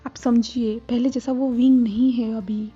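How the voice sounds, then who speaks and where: A woman voicing a composed older woman who calmly gives advice. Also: on the high side, unhurried, husky. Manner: calm, advising. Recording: slightly dull with soft music.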